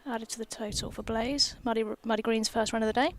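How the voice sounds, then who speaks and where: A woman's voice: a little high, fairly even intonation, brisk. A young woman, a professional cricketer, co-commentating live cricket on a headset outdoors, chatty and teasing. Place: outdoors under a gazebo at a cricket ground.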